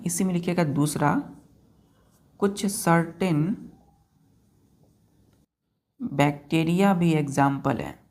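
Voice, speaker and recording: A woman teaching a science class to children, mixing Hindi and English, dictating notes slowly and asking the class questions that she then answers herself. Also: low-pitched, vocal fry, darkish tone.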